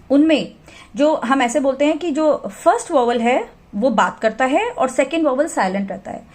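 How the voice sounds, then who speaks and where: A woman teaching a phonics lesson in Hindi mixed with English, spelling each word out letter by letter and then saying it slowly. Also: a little high, darkish tone.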